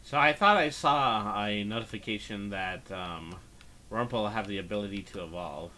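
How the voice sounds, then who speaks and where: Man, gameplay commentary, fairly low voice, relaxed, thinking aloud. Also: moderate pace, slight background noise. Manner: relaxed, thinks aloud with fillers while playing. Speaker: streamer.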